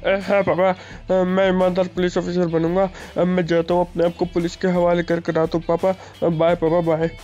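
A man's voice: high-pitched, completely flat delivery, normal speed, hardly any pauses, warm tone, muffled recording, faint music behind, natural voice. A man voicing a greedy, corrupt young police officer who whines and pleads with his father. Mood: meek. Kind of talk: gameplay story voice-acting.

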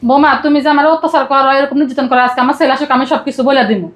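A woman's voice: sits high, flat delivery, racing, slight background noise, close to an everyday voice. A woman playing a meek elderly mother-in-law, pleading and bewildered.

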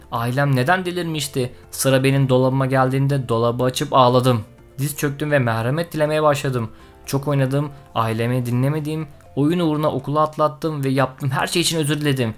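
A man narrating a tense first-person story in a dramatic, scripted style. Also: medium pitch.

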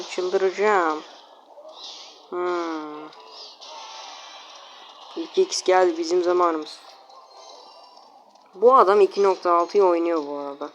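A woman's voice: fairly low pitch, measured pace, pauses often, a little hiss or hum. Exasperated woman commenting on her gameplay. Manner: talks to viewers and opponents, grumbling and exasperated; self-mocking, jokey asides. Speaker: mobile game player commenting on her matches.

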